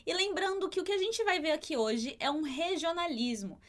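Woman, high voice, patient teacher of Spanish pronunciation, clear and unhurried when modeling sounds. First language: Portuguese. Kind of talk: online language lesson.

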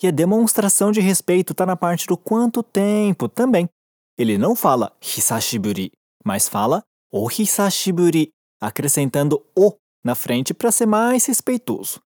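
A woman with a Brazilian Portuguese accent teaching Japanese in a recorded lesson, patient and encouraging, slowing down to model each phrase. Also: on the low side, animated, warm tone, dry recording, studio quality.

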